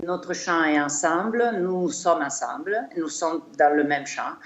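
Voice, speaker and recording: A woman's voice: deep voice, measured pace, reverberant. A middle-aged Italian woman speaking French with an Italian accent, a chiropractor talking as a guest in a casual interview, hesitant with many fillers and restarts. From Italy.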